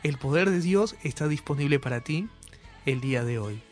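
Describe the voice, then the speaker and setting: A man's voice: fairly high pitch, animated, moderate pace, soft background music. A man preaching a healing sermon, speaking straight to viewers and giving fervent, commanding proclamations. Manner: direct address to viewers. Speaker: healing evangelist.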